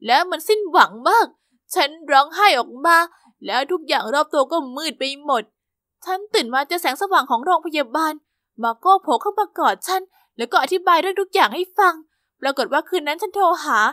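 A woman giving lively, expressive first-person scripted narration for an animated story. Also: high-pitched, a little fast, dry recording, clean studio sound.

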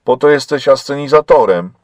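A man doing a gruff, barking camp cook. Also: mid-range voice, animated, moderate pace, darkish tone, no echo, voice pushed up, close to an everyday voice. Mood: rude, shouting. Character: cruel, hateful male prison camp cook.

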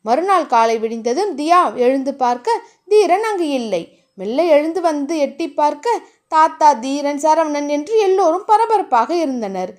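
A woman narrating a romance audiobook in an expressive, animated way. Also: high-pitched, normal speed.

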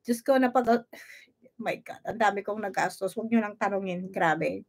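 A woman from the Philippines hosting a vlog, chatting casually about a video, laughing often and reading out viewer shout-outs. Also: medium pitch, normal speed. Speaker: vlog host commenting on a video. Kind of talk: casual live commentary.

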